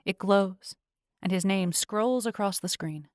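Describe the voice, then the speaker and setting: A woman reading a first-person science fiction audiobook in an even storytelling manner, close to a studio mic. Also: mid-range voice, measured pace, dry recording. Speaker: audiobook narrator. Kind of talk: first-person scripted narration.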